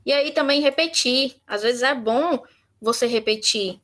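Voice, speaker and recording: A woman's voice: high-pitched, unhurried, a bit bright. A woman with a Brazilian Portuguese accent teaching a communication workshop in a conversational way, acting out short sample dialogues. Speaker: workshop instructor. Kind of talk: online workshop talk.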